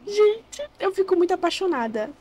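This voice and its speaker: A Brazilian woman gushing excitedly as she shows off game mods, in casual gameplay commentary. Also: extremely high pitch, moderate pace. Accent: Brazilian Portuguese. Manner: gushing, excitable, says "gente" constantly. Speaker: gaming YouTuber.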